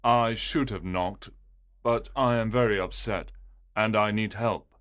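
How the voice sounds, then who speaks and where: A man's voice: lowish voice, fairly even intonation, a little slow, fairly bright tone, clean tone, dry recording, clean studio sound, voice pushed up. A man playing an anxious, earnest visitor.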